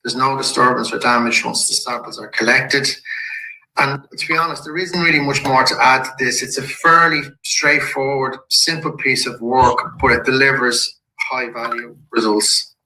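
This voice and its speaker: A company executive calmly guides shareholders through an investor presentation one slide at a time, measured and businesslike with an occasional restart. His mid-range voice is slightly croaky from a head cold. The room is echoey.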